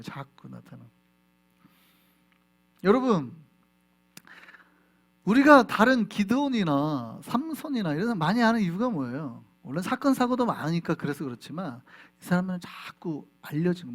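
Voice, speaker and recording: A man preaching a Sunday sermon as pastor, lively, asking the congregation questions and answering them himself. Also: high-pitched. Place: church sanctuary.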